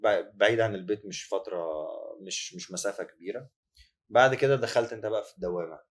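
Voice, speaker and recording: A man hosting a podcast interview, asking gentle questions and giving short murmurs of assent. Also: on the low side, fast. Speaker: podcast host.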